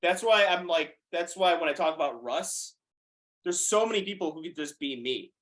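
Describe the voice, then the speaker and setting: A guest powerlifter from the United States, a young man in his 20s with a higher voice, talks fast on a casual podcast. He's animated and swears freely throughout the chat.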